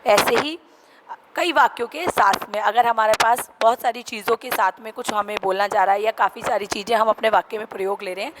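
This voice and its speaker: A woman teacher giving a recorded grammar lesson to children, explaining slowly, repeating example sentences and mixing in English words. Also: fairly high pitch. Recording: noisy recording with clicks.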